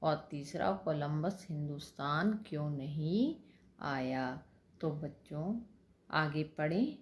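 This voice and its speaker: Slow, low-voiced woman teacher. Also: animated. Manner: keeps addressing the children and answering her own questions. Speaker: school teacher. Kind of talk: explaining a reading lesson.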